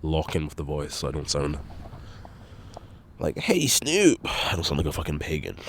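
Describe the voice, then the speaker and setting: Young guy with a super deep voice, stuffy nose, kinda nasal, rambling and cursing through a solo podcast. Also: expressive, normal speed, slight background noise. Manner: rambling, swears often, self-deprecating. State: congested nose. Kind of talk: casual rambling monologue.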